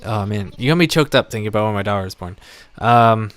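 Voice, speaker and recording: A young adult man chatting casually and rambling on a live stream, talking warmly to his viewers. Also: fairly low pitch, lively intonation, fast talker, clean tone, no room sound.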